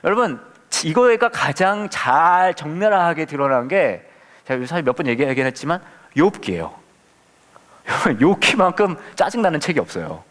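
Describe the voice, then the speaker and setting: A man's voice: a little high, big pitch swings, normal speed, fairly bright tone, big-room sound. A man who is a pastor, leading a casual Bible study, playful and full of questions for the audience. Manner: playful, asks the audience many questions, acts out quotes with humor.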